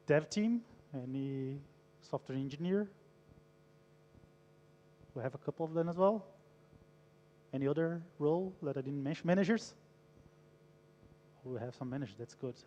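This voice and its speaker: A man's voice: medium pitch, unhurried, long pauses, dark tone, muffled recording. A man from Brazil, giving an engaging conference talk, polling the audience and telling a story. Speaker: conference speaker. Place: large conference hall. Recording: long hall reverb.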